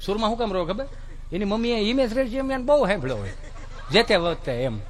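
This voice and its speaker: Lively high-voiced comedian. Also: male voice, fast. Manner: lively, mimics relatives and children. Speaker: stand-up comedian. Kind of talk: folksy stand-up storytelling.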